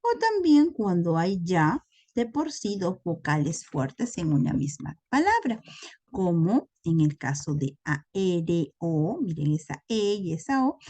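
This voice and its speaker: Lady teacher talking slow n calm through a recorded lesson, keeps asking if everyone follows. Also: medium pitch. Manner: patient, explanatory, checks in with listeners. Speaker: language teacher.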